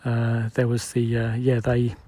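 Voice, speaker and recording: A man's voice: medium pitch, monotone, measured pace, warm tone, breathy edge, no echo. A British man in his forties, host of a solo podcast, musing aloud in a loose, rambling way.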